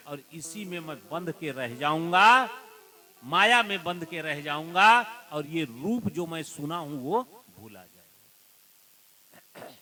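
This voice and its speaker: A man's voice: a little high, bright, forceful tone. A man voicing a young boy sage who firmly refuses to be bound by family ties, in a devotional storytelling style. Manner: earnest, firm refusals.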